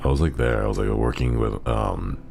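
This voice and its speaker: A tired man who sounds like he just woke up, chatting casually to his livestream viewers in a groggy, gravelly morning voice. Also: very deep voice, brisk, a little mellow. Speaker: livestream host.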